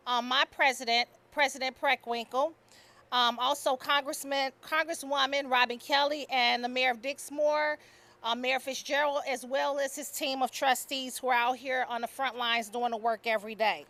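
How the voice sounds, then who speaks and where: High, bright-voiced county commissioner. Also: female voice, steady tone, normal speed. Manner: projected, emphatic delivery. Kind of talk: formal ceremony speech. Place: outdoor ribbon-cutting ceremony.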